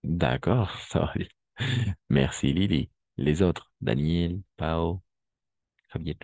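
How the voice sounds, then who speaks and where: A man teaching a live online class, repeating phrases slowly to drill pronunciation and often checking that his students follow. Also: a bass voice, a little mellow, dry recording. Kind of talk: online language lesson.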